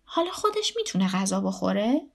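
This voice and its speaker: Proud ewe, storybook, teasing, woman narrator, husky. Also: mid-range voice, very animated. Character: proud boasting ewe, mother of a lamb.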